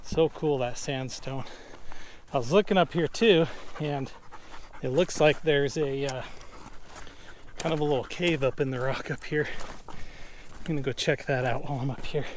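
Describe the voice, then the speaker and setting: A man's voice: mid-range voice, normal speed, long pauses, a little hiss or hum. A man narrating his hike in a casual vlog, musing aloud with easy fillers, recorded outdoors on a camera mic. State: out of breath at times. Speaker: outdoor adventure vlogger. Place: outdoors in a desert canyon.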